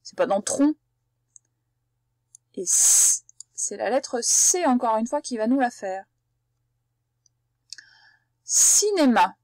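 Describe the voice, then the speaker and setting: Slow, patient woman teaching reading. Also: on the high side, animated, a little mellow, no echo. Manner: slow, patient, sounds words out syllable by syllable; addresses the child directly as tu. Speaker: primary school teacher. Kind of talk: reading lesson for young children.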